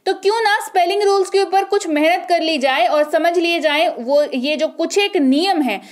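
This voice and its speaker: A woman, an English teacher giving an online spelling lesson, coaxing and asking the viewer questions, repeating words slowly. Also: extremely high pitch.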